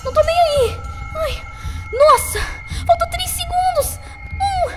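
Brief: jittery Brazilian pony girl played by a woman, screechy, sky-high voice, game music underneath. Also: takes it slowly. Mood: panicked screaming. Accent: Brazilian Portuguese. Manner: jittery, squealing and shrieking when scared. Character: young female pony, sporty and easily frightened. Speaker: gaming youtuber. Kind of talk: let's play commentary in character.

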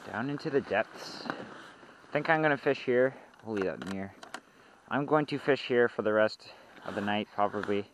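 A man vlogging while ice fishing outdoors on a frozen lake, muttering quietly while he waits and shouting when he lands a fish. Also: on the low side, moderate pace, slight background noise, low-quality recording. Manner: swings from hushed muttering to loud excited shouts. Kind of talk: casual outdoor vlog commentary.

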